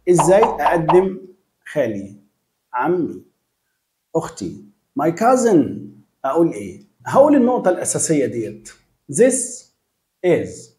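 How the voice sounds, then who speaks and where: A man with an Egyptian Arabic accent teaches a beginner English lesson, drilling short phrases aloud. His voice is high for a man and swings widely in pitch. The tone is warm and mellow, in an echoey room. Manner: lively, repeats phrases and drills them aloud.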